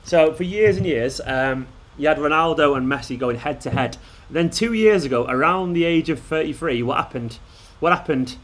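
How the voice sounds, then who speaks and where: Hosting a late-night live stream, a man with a fairly high voice talks at a moderate pace, reading viewers' comments aloud and bantering with them excitedly. Even so, he sounds tired.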